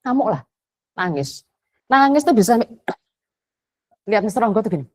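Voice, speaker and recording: A woman with a slightly high voice speaks at normal speed and is very animated, giving a chatty talk on parenting. She's a parenting educator who drops in English phrases and acts out quotes.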